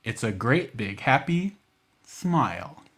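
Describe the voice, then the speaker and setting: Slow and sing-song, with a medium pitch and a fairly bright tone, this American library storytime host speaks to children in a folksy, informal and coaxing manner, frequently asking check-in questions.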